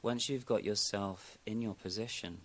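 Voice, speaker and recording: Speaking as a yoga nidra teacher, a man with a fairly low voice guides a meditation. His instructions are calm and unhurried, separated by long pauses.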